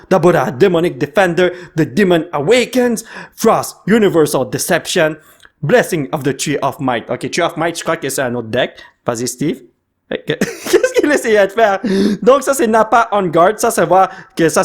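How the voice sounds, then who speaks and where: A man doing casual unboxing commentary, excitably reading card names and mixing in English slang. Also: high-pitched. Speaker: YouTuber opening card packs.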